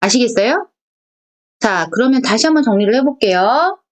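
Woman from Korea, language teacher. Slightly high, very lively pitch. Patient, repetitive lecture pace, sounds out syllables one by one. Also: normal speed. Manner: patient, repeats each point, asks questions to the class. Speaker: Japanese teacher. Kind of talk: recorded online class lecture.

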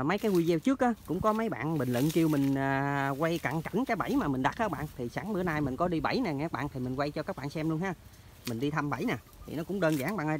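A man's voice: on the high side, slight background noise. A man with a Mekong Delta Vietnamese accent, chatting casually to viewers in an outdoor vlog while walking through rural orchards and canal banks. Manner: chatty, keeps addressing viewers as friends. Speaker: hunting vlogger.

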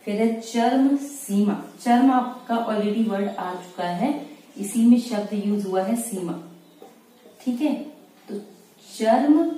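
A woman teaching shorthand step by step, patiently repeating each word slowly as she writes it. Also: medium pitch, mellow. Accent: Indian Hindi. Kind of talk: step-by-step tutorial explanation. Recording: distant mic in a very echoey room with faint noise.

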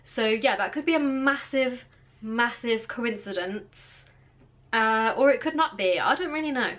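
A Birmingham woman in her late twenties talks to camera from her bedroom, where a clothes rail stands, in a casual vlog Q and A. Her voice is fairly high, a little slow and a bit bright, and she rambles with plenty of fillers in her local accent.

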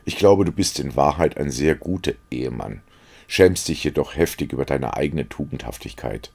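A man's voice: very deep voice, animated, moderate pace, creaky, darkish tone, breathy edge, heavily acted. A man reading aloud as an earnest, secretive young painter who confides and pleads. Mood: earnest, confiding.

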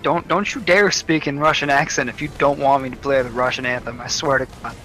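A man's voice: mid-range voice, fairly even intonation, brisk, pushed and bright, soft background music. A young man in casual gaming chat with friends, joking crudely and teasing them. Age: young adult. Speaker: streamer.

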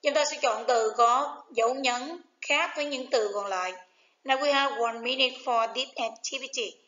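A woman's voice: high voice, moderate pace, fairly bright tone. A woman teacher with a Vietnamese accent, reading out answer choices in a review lesson and mixing English with Vietnamese. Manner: reads answer choices aloud, switching between English and Vietnamese. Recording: echoey, dull lo-fi room sound.

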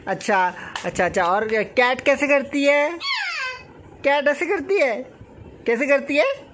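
A man's voice: extremely high pitch, lively intonation, slow pace, fairly bright tone. A young man vlogging at home, talking playfully and coaxingly with a small child. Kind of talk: casual home vlog chat. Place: family home indoors. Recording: noisy home recording.

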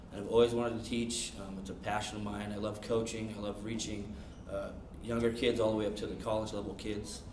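A man in his thirties, a substitute teacher and coach, giving steady interview answers with many pauses. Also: on the low side. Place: classroom, indoors. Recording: distant echoey classroom with noise.

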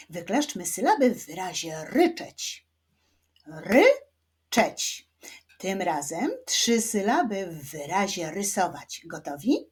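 A woman with a Polish accent teaching children to read, sounding out each syllable clearly. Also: mid-range voice, darkish tone. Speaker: reading teacher. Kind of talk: children's reading lesson.

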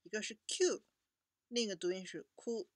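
A woman teaching a children's language lesson, patiently repeating each word slowly for young learners. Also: medium pitch, no echo, clean studio sound.

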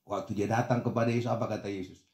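A middle-aged male pastor preaching a lively sermon, acting out the voices in his stories and swinging from soft asides to shouts. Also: fairly low pitch, fast, roomy sound. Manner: animated, acts out voices of others in dialogue, swings from soft to shouting.

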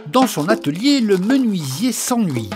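A male storyteller reads a children's tale with very lively, expressive pitch that climbs and falls freely. Music plays clearly beneath his voice throughout. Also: a little slow. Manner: expressive, lively storytelling, hushed in calm parts.

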